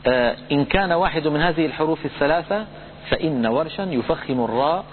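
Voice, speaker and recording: A man teaches a recitation lesson in a slightly high voice, laying out the rules plainly and then drawing out example words in a slow chant. The sound is thin and phone-like, with a faint hiss behind it. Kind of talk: tajweed lesson lecture. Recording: tinny phone-like lo-fi audio.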